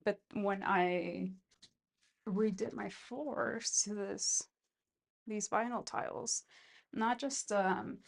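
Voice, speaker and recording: A woman talks with a heavy creak in her voice, at a relaxed, slightly slow pace. She rambles and thinks aloud as she films a casual vlog of herself doing chores. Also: mid-range voice. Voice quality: gravelly vocal fry. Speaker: vlogger. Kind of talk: casual, rambling self-filmed chat while cleaning.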